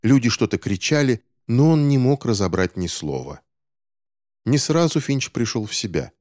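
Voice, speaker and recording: A man reading a novel aloud in measured scripted narration. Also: mid-range voice, very animated, darkish tone, no echo, studio quality. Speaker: audiobook narrator.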